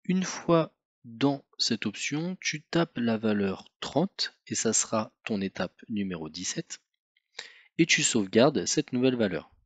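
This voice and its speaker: Male tutorial host, mid pitch, methodical, dry slightly muffled recording. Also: a little slow, no echo. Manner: calm, methodical, addresses viewer informally. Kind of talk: step-by-step instructional voice-over.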